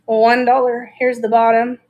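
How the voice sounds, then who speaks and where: A woman's voice: a little high, monotone, measured pace, a little mellow, muffled recording. A woman hosting a casual live-stream auction, chatting enthusiastically and thinking aloud as she shows each item.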